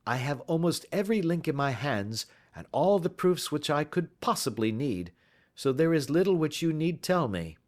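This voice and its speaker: A man voicing a brisk, masterful gentleman detective in an audiobook, speaking with formal precision and dry mockery. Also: on the high side, sing-song, voice pushed up. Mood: cool, accusing. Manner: commanding, precise, dryly mocking, formal. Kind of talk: audiobook character voice.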